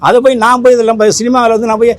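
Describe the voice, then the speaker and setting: A man who leads a film association, talking fast and with emphasis at a press interview, rambling and repeating himself. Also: very high voice, level tone.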